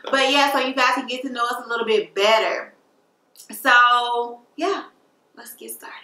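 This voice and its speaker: A woman's voice: fairly high pitch, unhurried, bright, forceful tone. A woman in her late twenties chatting casually as a vlogger in a question-and-answer video, upbeat and full of fillers. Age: late 20s. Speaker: beauty vlogger. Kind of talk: casual Q&A chat. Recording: echoey room, mic at a distance.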